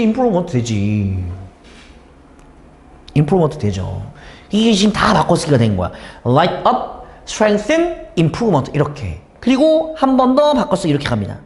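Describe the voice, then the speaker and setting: Lively high-voiced man lecturing. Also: echoey room. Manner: lively, asks the students questions and answers them himself. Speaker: English teacher. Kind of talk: exam explanation lecture.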